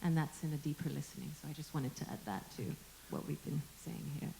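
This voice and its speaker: A woman's voice: sits low, steady tone, fast, creaky, warm tone, slight background noise, poor audio. A woman, an actor, speaking on a discussion panel, reflective and searching for her words as she goes.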